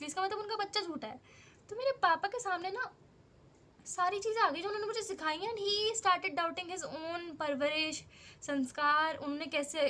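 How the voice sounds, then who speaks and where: A woman's voice: very high voice, a bit bright. A young woman vlogger telling a personal story in a candid, confessional and emotional way. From India. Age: young adult.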